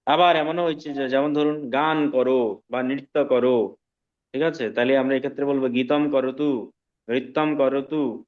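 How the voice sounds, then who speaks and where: A man teaching an online language class, explaining slowly and often checking that students follow. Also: medium pitch, fairly even intonation, muffled recording. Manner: slow, patient explaining with frequent check-ins to students. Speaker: Sanskrit teacher.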